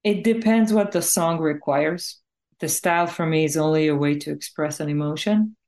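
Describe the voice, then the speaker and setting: At a moderate pace, a low-voiced Israeli singer-songwriter answers interview questions, thoughtfully explaining her reasoning in a conversational manner. Her voice has a slightly mellow quality.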